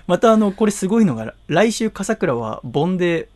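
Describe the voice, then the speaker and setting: A man hosting a radio talk show in casual chat, teasing and laughing often. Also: high voice.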